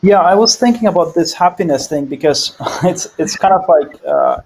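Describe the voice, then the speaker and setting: A man from Finland, speaking haltingly with many fillers as a guest in a casual panel discussion. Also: a little high, expressive, vocal fry, a little mellow, a little hiss or hum.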